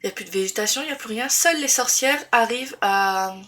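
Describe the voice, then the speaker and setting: Fast and on the high side, her slightly bright voice carries this casual book review vlog. The congested booktuber, nursing a cold and sore throat, rambles along with plenty of fillers and restarts.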